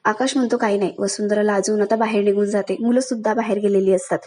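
A woman narrating a recap of a TV serial episode in a steady storytelling manner, reading out the characters' lines as she goes. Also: medium pitch, quick pace. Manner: steady storytelling, voicing the characters' lines without big changes.

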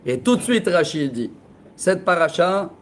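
A male rabbi in his 40s teaches a lively Torah class in an indoor classroom with bookshelves, telling stories animatedly, laughing and gesturing a lot. His pitch is raised and his pace measured. A laptop webcam at close range picks him up along with faint hiss.

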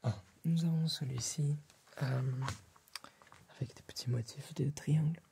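A young adult man, an ASMR performer, whispers into a close ASMR microphone while playing a polite, fussy tailor attending to a client in a small room dressed as a tailor's workshop. His breathy, hesitant voice is fairly high, steady, a little slow, gravelly and mellow. There is slight background noise.

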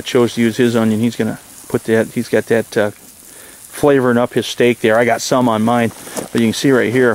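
A man in his forties, relaxed and rambling with many ums and uhs, talking casually about camping in the snowy woods to a camera mic. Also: medium pitch, slight background noise. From Michigan, USA. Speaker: outdoor vlogger. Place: snowy woods outdoors, under a tarp shelter.

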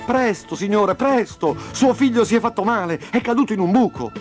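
A man's voice: on the high side, big pitch swings, moderate pace, faint music behind, pitched above the performer's own voice. A man reading a storybook, voicing a timid but brave little boy who talks eagerly and anxiously.

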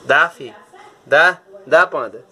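A woman's voice: low voice, takes it slowly, pushed and bright. A woman, narrating a casual home video and coaxing her cat while she talks to the viewers. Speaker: pet owner filming her cat.

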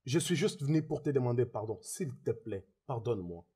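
A man's voice: mid-range voice, lively intonation, fairly quick, dark tone, husky. A man dubbing a remorseful man who begs forgiveness, repeating his apologies and swearing oaths, in a French film dub. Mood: pleading.

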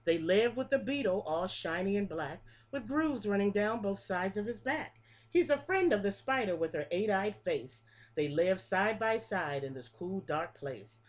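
With a mid-range voice, lively intonation and a slightly slow pace, a middle-aged pre-K teacher reads a picture book to preschoolers in a sing-song rhythm, pausing to explain things. A close webcam captures her in a small room where a classroom display hangs on the wall.

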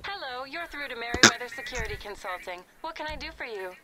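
An actress voicing a brisk female security company receptionist in a video game, with a polite scripted phone greeting. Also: high voice, sing-song, bright, forceful tone, a little hiss or hum, exaggerated voice. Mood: businesslike. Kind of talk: game dialogue.

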